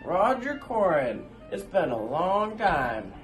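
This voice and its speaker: A man doing a laid-back veteran cop in a noir radio play, laying out the facts of a murder in a plain, matter-of-fact way. His voice is slightly high and sounds distant in an echoey room, with music playing clearly behind him. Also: very animated, slow pace, exaggerated voice. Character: veteran police officer, old friend of the detective.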